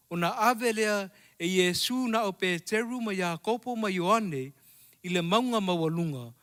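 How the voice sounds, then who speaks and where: His voice sits high with a fairly bright tone. A pastor with a Samoan accent, he delivers a bilingual sermon during a church service, preaching conversationally and using tag questions to engage the congregation.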